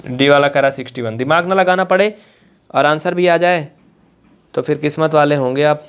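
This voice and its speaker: A man from India teaching an online maths lesson, chatty and coaxing, repeating points slowly and mixing in English textbook terms. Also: a little high, clean tone.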